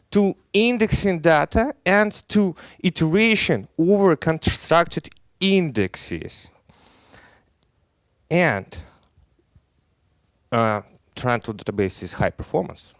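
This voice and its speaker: A Belarusian man in his thirties gives a technical conference talk on stage in non-native English with a Belarusian accent, halting and full of fillers. His medium-pitched voice is captured on a headset mic with dry, clean studio sound.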